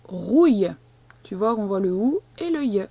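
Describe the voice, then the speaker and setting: A woman teaching a young child to read, speaking slowly and patiently and stressing each syllable as she dictates. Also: medium pitch, lively intonation, warm tone, breathy edge. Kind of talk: reading and spelling lesson for a young child.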